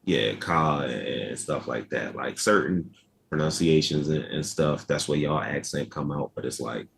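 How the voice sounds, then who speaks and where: A man's voice: a bass voice, moderate pace, vocal fry, slightly rough. A young man from Baltimore with a Baltimore accent, co-hosting a casual chat and talking in a laid-back, rambling way. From Baltimore, Maryland. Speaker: podcast co-host.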